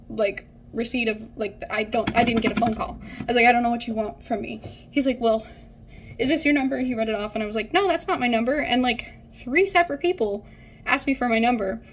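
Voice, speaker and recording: A woman's voice: on the high side, slight background noise. A young woman telling a personal story in a casual get-ready-with-me vlog, chatty, full of fillers and restarts. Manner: chatty, many fillers and restarts, acts out quoted people.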